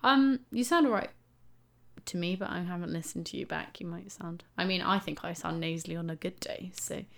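A woman's voice: lowish voice, fairly quick, gravelly, fairly bright tone. A woman with a Bristol accent chatting casually and informally as a podcast co-host, with a giggly manner. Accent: Bristol English. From Bristol, England. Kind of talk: casual chat.

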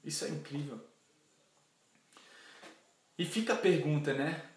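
Male preacher, slightly high voice, earnest questioning sermon, echoey room. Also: expressive, measured pace.

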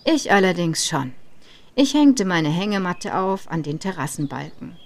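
Woman in her 30s reading out her own travel story, calm and thoughtful, a bit low voice. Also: measured pace. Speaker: podcast narrator. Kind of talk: first-person travel story narration.

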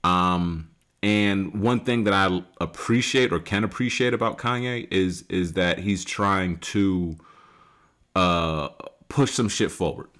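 A man in his late thirties hosting a solo podcast, talking casually and rambling with many fillers and restarts, rising loud and high when he makes a point. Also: takes it slowly. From United States. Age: 30s. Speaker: podcast host.

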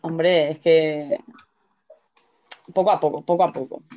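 A woman's voice: deep voice, steady tone, unhurried, warm tone, dull audio. A woman, casually explaining local expressions and laughing often. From Mallorca. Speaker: teacher of Mallorcan expressions. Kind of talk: casual chat.

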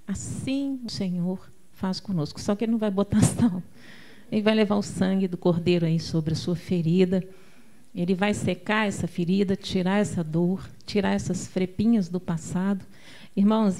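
A woman's voice: medium pitch, warm tone. A woman preacher with a Brazilian Portuguese accent gives an emphatic sermon, calling out to the congregation and telling homely stories.

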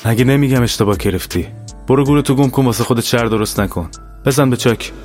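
A man voicing a burly, hostile man in his thirties who answers curtly and shouts in an audio story. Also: on the low side, flat delivery, faint music behind. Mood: angry. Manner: gruff, shouting.

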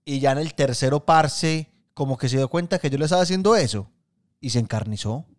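A man with a Colombian Paisa accent co-hosts a casual podcast. He tells stories in an animated, loose way, full of street slang and easy swearing. His voice sits at an ordinary pitch for a man. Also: brisk. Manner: animated, slangy storyteller who swears freely. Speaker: podcast co-host. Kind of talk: casual chat.

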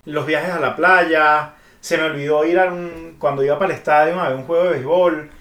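A man's voice: a little high, steady tone, fairly quick, fairly bright tone, echoey room. A Venezuelan man in casual podcast talk, speaking in an earnest, confessional way. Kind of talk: casual conversation.

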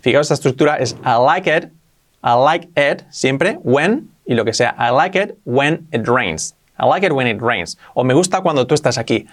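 A man with a Spanish accent from Spain teaching English grammar in Spanish, repeating each English example slowly and often checking with a quick question. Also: mid-range voice, animated.

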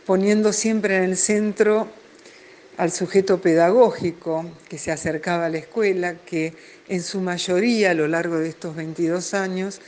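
A woman's voice: on the low side, darkish tone, a little hiss or hum. A woman with an Argentine accent, a school director, speaking hesitantly with many fillers in an interview. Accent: Argentine Spanish. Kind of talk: phone interview.

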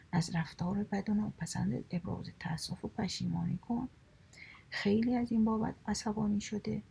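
A woman whispering a storybook reading, voicing a scheming, flattering male fox in a coaxing tone. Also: medium pitch, exaggerated voice, poor audio. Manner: coaxing, smooth-talking, whispered.

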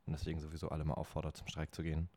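A man hosts a relaxed podcast interview. His voice is very deep and dark. He hesitates often, filling gaps with ums. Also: very fast. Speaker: podcast host.

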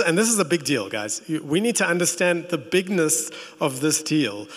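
A man preaching a sermon as pastor. He tells the story in an animated way and makes playful asides to the congregation. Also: fairly high pitch, in a large hall.

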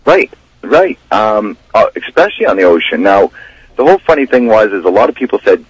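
A local ghost investigator and tour guide chats casually about local history as a guest in a radio interview, his folksy, rambling talk circling back over phrases. His voice is lowish, slightly rough and sing-song, and he speaks briskly. The radio line sounds dull, roomy and lo-fi.

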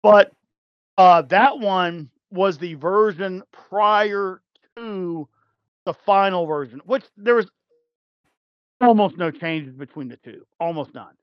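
A man with a high voice chats loosely as a podcast guest, circling back with fillers and restarts and laughing often. The sound is dry and a bit muffled. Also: slow, smooth, no room sound. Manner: rambling, many fillers and restarts, laughs easily. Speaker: podcast guest, game developer. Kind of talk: casual chat.

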